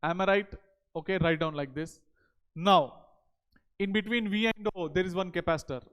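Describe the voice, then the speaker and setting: High-pitched Indian man teaching. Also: normal speed, a bit bright, smooth. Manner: repeated check questions and tag words. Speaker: physics teacher. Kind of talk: board lecture to exam students. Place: indoor teaching studio at a digital board. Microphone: headset.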